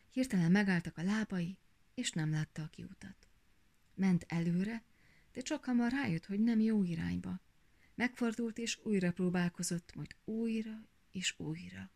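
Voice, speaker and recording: A woman reading a fairy tale aloud in a gentle, even storytelling manner. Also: on the low side, vocal fry.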